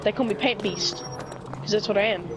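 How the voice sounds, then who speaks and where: A friend with a nasal voice chats and jokes sarcastically over voice chat while gaming. The pitch sits in the middle. Clear background noise runs under the call. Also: fairly quick. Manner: joking, sarcastic. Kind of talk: casual gameplay chat.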